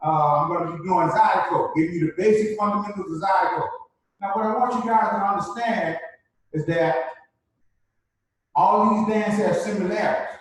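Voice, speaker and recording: A man teaching a live online dance class, repeating key points and checking in with "right?" as he explains. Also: sits high. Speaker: dance instructor. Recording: very echoey room, distant mic.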